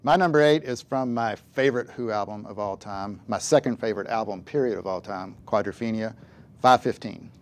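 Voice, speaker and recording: A man's voice: lowish voice, fairly quick. A man co-hosting a casual music chat as a music writer, giving opinions in a dry, wry way.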